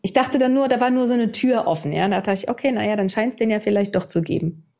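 Candid woman in her fifties, warm voice. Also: medium pitch, fast talker, creaky. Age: 50s. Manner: candid, animated storytelling. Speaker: interview guest, TV presenter. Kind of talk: personal testimony in conversation.

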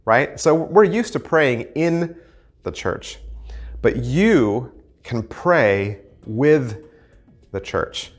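A man's voice: medium pitch, animated, very slow. A man, a pastor giving an earnest, conversational devotional to camera from an empty church sanctuary on a lapel mic. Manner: earnest, conversational, gestures while talking.

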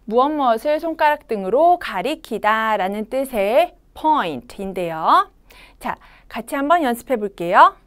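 A young Korean woman teaching English pronunciation to children, modeling each sound slowly for kids to repeat. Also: a little high, lively intonation, fairly bright tone, smooth. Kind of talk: children's phonics lesson.

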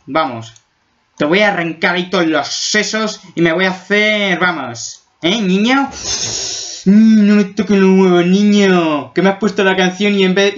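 A man's voice: sits high, bright, forceful tone, muffled recording. A man doing a coarse threatening monster. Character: menacing monster summoned by a lullaby.

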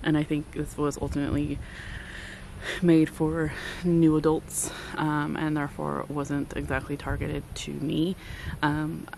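Holding her phone at arm's length at a lakeside campsite, a book vlogger in her thirties rambles casually with plenty of ums, the outdoor audio full of background noise. Her low voice is creaky and darkish, a little slow, with little pitch movement, and the recording quality is low.

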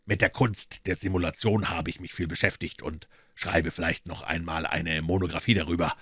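Man reading as a calm clever detective, deep voice, dry sound, measured, audiobook. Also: slightly rough, dry recording, exaggerated voice. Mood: explaining.

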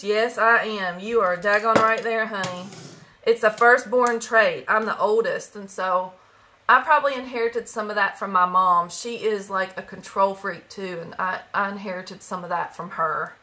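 A woman's voice: mid-range voice, measured pace, bright, forceful tone. A woman from West Virginia with a country accent, chatting casually with viewers during a live makeup stream and greeting them by name. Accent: Appalachian country.

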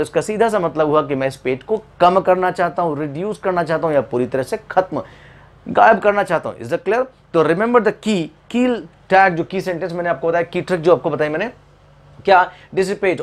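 A man with an Indian English accent teaching vocabulary to camera. He mixes Hindi and English, asks questions and answers them himself, and repeats key points. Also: fairly high pitch. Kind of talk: classroom lesson to camera.

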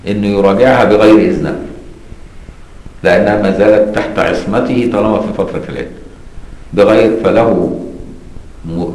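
A man's voice: lowish voice, a little mellow, echoey room, rough recording. A man teaching an Islamic law lesson with an Egyptian accent, explaining in colloquial asides and often checking "got it?". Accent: Egyptian Arabic. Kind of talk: classroom lesson on a legal text.

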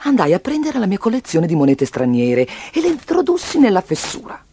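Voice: medium pitch, huge pitch swings, brisk, dark tone, a little hiss or hum. A storyteller reading a children's tale aloud, in a sing-song storytelling manner.

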